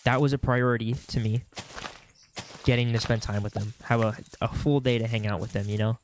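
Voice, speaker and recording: A young man with a congested nose chats loosely as he plays Minecraft for his vlog, rambling and full of fillers. His mid-range voice has fairly even intonation and runs a little fast, over a slight hiss or hum.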